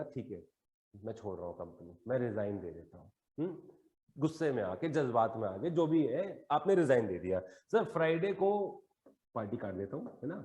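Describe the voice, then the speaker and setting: A man's voice: a little high, darkish tone, reverberant. A man teaching an economics class, explaining with everyday examples and often checking that students understand. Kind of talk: classroom lecture.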